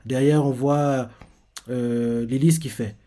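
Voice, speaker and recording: A man streaming live, recapping a manga chapter in a casual, halting way, full of fillers and restarts. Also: mid-range voice, fairly even intonation, mellow. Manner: hesitant, many fillers and restarts, repeats himself while explaining.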